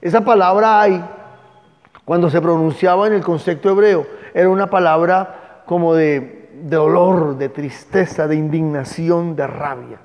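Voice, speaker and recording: A man's voice: on the high side, a little slow. A man teaching a Bible class, speaking emphatically and stopping to dictate spellings to his students. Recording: echoey, dull room recording.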